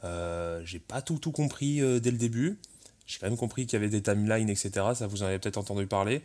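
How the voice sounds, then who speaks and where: Casual male podcast co-host, lowish voice, loose rambling delivery full of "euh". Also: fast talker, darkish tone. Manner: rambling with many fillers and restarts; slangy, joking.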